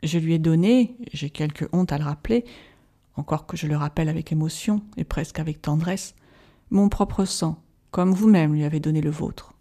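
A reader voicing an old male professor in an audiobook, solemn and measured, patiently pleading. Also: mid-range voice, warm tone, natural voice. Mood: grave. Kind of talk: audiobook narration.

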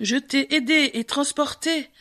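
Woman reading as wise storybook man, earnest, anxious, high-pitched voice. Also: measured pace, sharp tone, soft background music.

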